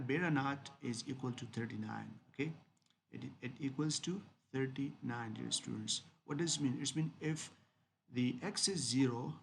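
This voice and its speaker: Gravelly-voiced male business lecturer. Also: mid-range voice, a little hiss or hum. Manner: repeats "dear students" and "okay?" as he explains. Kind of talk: recorded lecture with screen demo.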